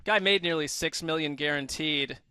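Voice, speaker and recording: A man co-hosting a sports podcast, giving quick, confident analysis in casual chat. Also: fairly high pitch, bright, forceful tone, smooth, no echo. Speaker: podcast co-host.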